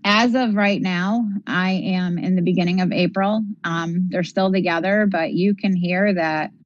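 A woman's voice: lowish voice, fairly even intonation, a little slow, no echo. A woman co-hosting a casual discussion, making her points emphatically and repeating them for stress, on slightly lo-fi audio. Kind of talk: casual discussion of a criminal case.

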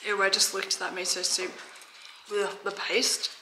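An Australian vlogger cooks at home and chats to camera in a medium-pitched, flat voice, a touch slow. She leans heavily on fillers, especially "like." The close camera mic captures an echoey kitchen with obvious background noise.

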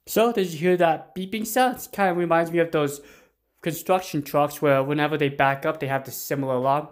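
A man hosting a robot vacuum review, talking in an upbeat, chatty explaining way. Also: on the high side. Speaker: host.

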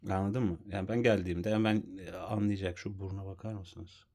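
Young male vlogger, low voice, slangy and teasing, casual home video, drops to a hush now and then. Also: fairly even intonation, fairly quick. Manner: teasing, scolds the snake with slang; drops to a soft whisper at times. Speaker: vlogger feeding a pet snake. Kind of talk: casual hand-held vlog. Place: at home, indoors.

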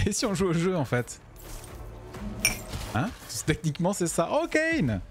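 A man's voice: a little high, expressive, measured pace, over music. A tired man streaming a game from home, chatting with his viewers and tripping over his words. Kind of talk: casual gameplay commentary.

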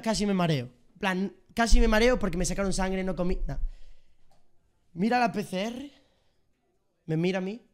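High-voiced young Spanish man telling a story. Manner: animated, sound effects and slang. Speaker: streamer. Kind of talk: casual storytelling vlog.

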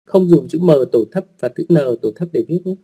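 Gravelly-voiced man teaching patiently. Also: on the high side, lively intonation, brisk, dark tone. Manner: patient, repeats words, polite particles, many fillers. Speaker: online language teacher. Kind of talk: explaining writing rules to online learners.

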